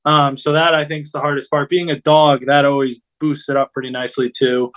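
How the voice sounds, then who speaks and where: A man's voice: fairly high pitch, flat delivery, fairly quick, fairly bright tone. A man co-hosting a casual sports betting chat, telling rambling stories in informal slang. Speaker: podcast co-host.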